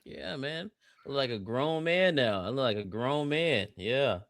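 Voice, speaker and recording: This livestream co-host, an American man of thirty, speaks at a medium pitch with an animated, unhurried delivery and a slightly bright tone. There's no room sound at all. His banter is loose and jokey, slangy and boisterous, with phrases repeated for emphasis.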